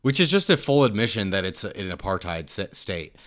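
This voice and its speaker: A man's voice: low-pitched, fairly quick. A man hosting casual political reaction commentary, talking animatedly and sometimes mimicking the other side. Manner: animated, mocks opponents in put-on voices.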